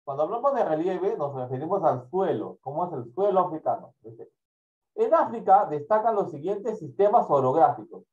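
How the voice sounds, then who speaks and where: A man teaching a primary class, unhurried and repetitive, pausing to ask whether the kids follow. His voice sits a little high, and the sound is dull and lo-fi. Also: a little mellow. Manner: slow, repetitive, checks in with "¿ya?". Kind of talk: online class lecture.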